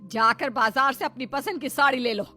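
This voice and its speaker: A woman voicing a firm, motherly older mother-in-law who scolds gently. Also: high voice, normal speed, faint music behind. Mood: stern. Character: stern but fond older mother-in-law.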